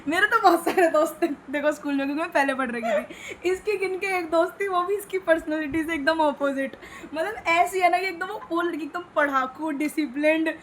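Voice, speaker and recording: Young woman vlogging, high voice, chatty and quick, faint noise behind. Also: fairly bright tone. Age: young adult. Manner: chatty, quick, laughs often. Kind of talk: casual vlog chat.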